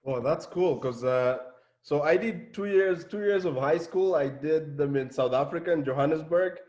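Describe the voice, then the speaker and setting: A man hosting a language-learning interview in a casual, hesitant way, with many pauses. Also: a little high, a little mellow. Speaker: host of language channel.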